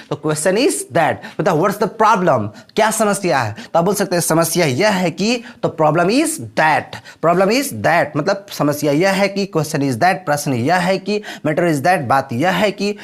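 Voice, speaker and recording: A man teaching spoken English, explaining in Hindi and repeating each example phrase slowly like a classroom drill. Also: sits high.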